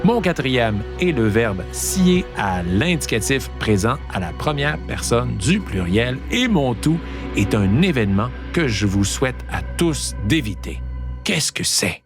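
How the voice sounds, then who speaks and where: A man's voice: medium pitch, sing-song, a little slow, music in the background. A man with a Québécois accent hosting a show, delivering a comedic monologue with playful, exaggerated punchlines. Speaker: host.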